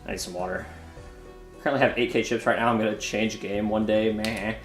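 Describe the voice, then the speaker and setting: A man's voice: fairly low pitch, fairly even intonation, fairly quick. A man in his twenties streaming a card game, chatting loosely and jokingly with viewers while he plays. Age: 20s. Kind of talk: casual live-stream commentary. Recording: roomy echo, faint music behind.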